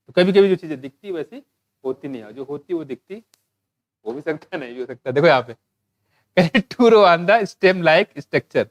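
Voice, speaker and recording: A man teaching a biology exam-prep lecture, asking questions and answering them himself, reading English textbook lines slowly. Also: fairly high pitch, animated, dry recording.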